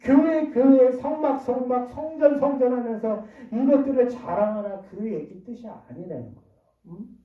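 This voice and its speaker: A preacher giving a lively children's sermon in church, often asking the listeners questions and swinging between loud and soft. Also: medium pitch, moderate pace. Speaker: preacher to a children's Sunday school. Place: church hall. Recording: distant, dull, echoey church recording.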